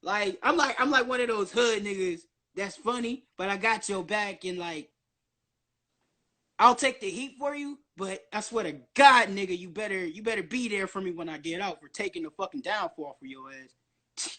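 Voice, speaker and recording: A man in his early twenties talks on a casual live stream in a strikingly high voice with a bright, forceful edge. He keeps up nonstop, rambling chatter. His wording is slangy and heavy with swearing. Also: moderate pace. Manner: profane, slangy. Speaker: guest on a social media live stream. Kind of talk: casual livestream monologue.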